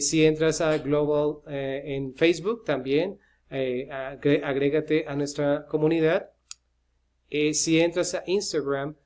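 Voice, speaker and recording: Leaning high and a little mellow, the man's voice carries a relaxed screen-share lesson on English pronunciation. He talks chattily to his viewers, filling gaps with frequent "eh" sounds.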